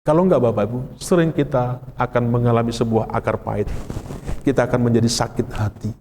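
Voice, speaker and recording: Indonesian pastor preaching in a reverberant hall. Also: male voice, mid-range voice, steady tone, fairly quick, a little mellow, slight background noise. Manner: conversational preaching, often asking the congregation questions. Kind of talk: sermon. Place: church sanctuary. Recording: long reverb of a church hall.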